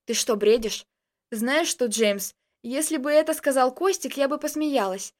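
A woman doing a loud bubbly young actress. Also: high voice, measured pace. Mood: indignant. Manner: loud and exclamatory.

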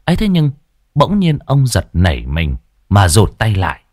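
A man narrating a ghost story in a dramatic, animated storytelling manner. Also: lowish voice, normal speed.

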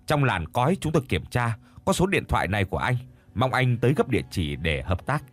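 A man voicing a stern police colonel with a deep voice and formal, official manner on the phone, in a ghost story. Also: very animated, a little fast, faint music behind.

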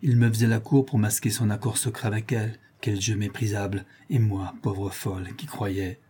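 A man voicing a proud, bitter young woman in a low, subdued tone, reading a story aloud. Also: little pitch movement, normal speed, mellow, breathy edge.

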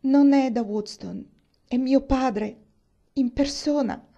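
A woman's voice: high-pitched, takes it slowly, creaky, mellow, lo-fi sound, voice pushed up, heavily acted. A woman voicing a distressed young noblewoman who hesitantly and apologetically brings bad news, in an audiobook reading.

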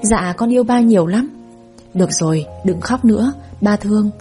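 A woman voicing a gentle, hard-working father who soothes and reassures his daughter. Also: medium pitch, moderate pace, soft background music, lightly acted. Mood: soothing.

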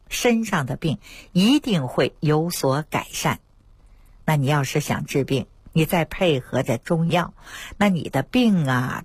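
A woman traditional Chinese medicine doctor, giving a lively radio health talk and acting out her patients' words. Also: low-pitched, breathy edge, no echo. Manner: lively storytelling, acts out patients' quoted words. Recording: dry radio studio.

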